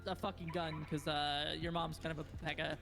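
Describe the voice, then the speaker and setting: A woman in casual game roleplay as a police officer, loud and excitable, swearing and shouting when angry. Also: low voice, normal speed, creaky, faint music behind.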